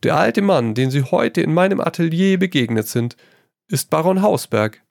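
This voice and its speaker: A man giving voice to a witty, worldly painter in a storybook reading. The voice sits clearly higher than the reader's own, with a gravelly grain and an amused, teasing lilt. It sounds dry and close. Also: normal speed, dry recording. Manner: lively, amused, tossing in French phrases.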